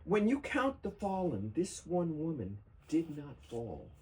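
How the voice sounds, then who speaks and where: A man giving a solemn poetry reading at a memorial, with deliberate, emphatic phrasing. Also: on the high side, huge pitch swings, darkish tone. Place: bookstore reading event before a small audience. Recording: noisy live room recording.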